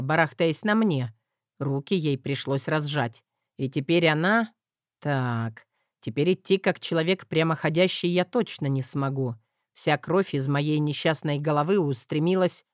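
A man's voice: on the high side, no room sound, clean studio sound. Wry male audiobook narrator. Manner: wry, self-mocking. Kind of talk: first-person audiobook narration.

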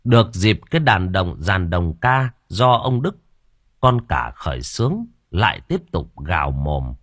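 Man, audiobook narration, animated, husky, dry close sound. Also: low-pitched, a little slow, no room sound. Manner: expressive, animated storytelling. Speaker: storyteller.

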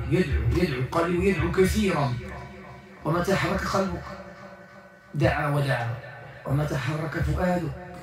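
A man leading a spiritual healing session, speaking to a patient with emphatic, repetitive exhortation that swings between loud appeals and whispers. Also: on the high side, recorded from a distance. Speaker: ruqyah healer. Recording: echoey room from off-mic with faint music.

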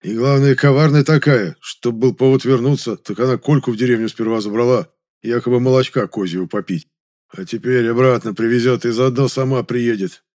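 A man voicing a hoarse, injured working-class man in a spoken audiobook story. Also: lowish voice, moderate pace, darkish tone, close to an everyday voice. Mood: complaining. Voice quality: hoarse, wheezing.

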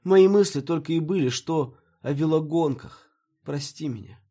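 A man's voice: medium pitch, sing-song, moderate pace, a little mellow, breathy edge, voice pushed up. A man reading an audiobook, voicing an anxious, pleading young woman in a dream with urgent, emotional delivery. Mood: tearful. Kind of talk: audiobook character voice.

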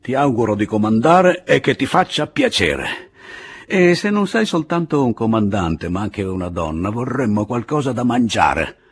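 A man's voice: rumbling low, normal speed, vocal fry, slightly rough, full character voice. A man voicing a sullen, hard-drinking male guerrilla leader who talks back with scorn. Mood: scornful. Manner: scornful, defiant.

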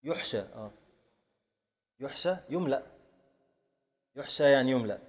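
A man teaching classical Arabic grammar in a classroom lecture, explaining slowly, repeating word forms and answering students' questions. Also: mid-range voice, expressive, a little mellow.

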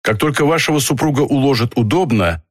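A man reading an audiobook, voicing a stern, measured police inspector. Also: mid-range voice, lively intonation, dry recording, studio quality, close to an everyday voice. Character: middle-aged male police inspector, stern.

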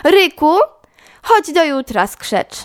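A woman's voice: high-pitched, big pitch swings, slow pace, pitched above the performer's own voice, heavily acted. A woman voicing a stubborn cuckoo that shrieks indignantly in a storybook poem.

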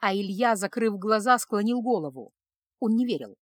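A woman's voice: mid-range voice, moderate pace, no echo. Woman narrating a romance audiobook, dry close voice. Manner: steady, emotive storytelling.

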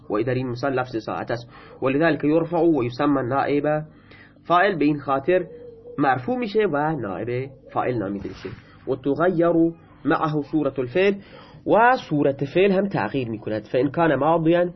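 A man's voice: a little high, lo-fi sound, a little hiss or hum. A man teaching Arabic grammar in Persian, reading lines of text aloud and then explaining them patiently, repeating his examples.

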